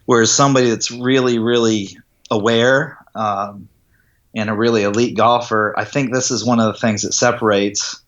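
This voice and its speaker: A man's voice: on the low side, a bit bright, lo-fi sound. A man who teaches golf putting, explaining his approach in an interview and often checking that the listener follows. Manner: explanatory, checks in with "does that make sense". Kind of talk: interview conversation.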